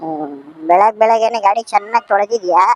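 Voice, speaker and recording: A man's voice: sits high, fairly quick, highs cut off, pitched above the performer's own voice, natural voice. A man voicing a cheeky talking motorbike that scolds its rider in a comic motovlog sketch. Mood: scolding. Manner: bossy, scolding, talks back.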